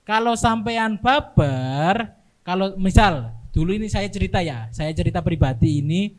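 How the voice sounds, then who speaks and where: A young man talks as a podcast guest in an unhurried, explanatory way, often ending points with a quick tag question. His voice sits a little higher than most men's. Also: expressive. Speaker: guest, dorm security staff. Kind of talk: casual podcast chat.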